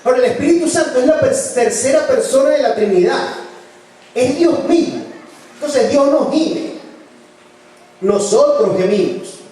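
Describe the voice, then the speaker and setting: Heard from a distance in a very echoey church hall with faint background noise, a preacher earnestly shares personal stories, shifting his voice whenever he quotes someone. His voice is very high-pitched and mellow, lively in intonation, measured in pace and marked by frequent pauses.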